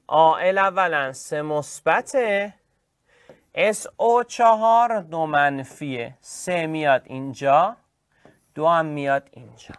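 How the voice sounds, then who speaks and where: Lively higher-voiced man teaching class. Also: no room sound, clean studio sound. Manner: lively, praising students by name. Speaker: chemistry teacher. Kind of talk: online class lecture.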